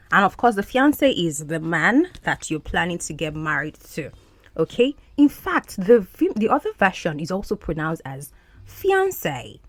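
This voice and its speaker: A woman's voice: medium pitch, no room sound. A woman explaining English words and idioms in a podcast lesson, checking in with "okay?". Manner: explains slowly, often asks "okay?". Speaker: English teacher.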